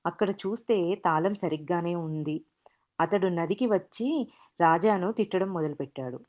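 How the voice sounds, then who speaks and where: A woman's voice: fairly low pitch, a little mellow. A woman casually retelling anecdotes as a storyteller, with frequent restarts and fillers.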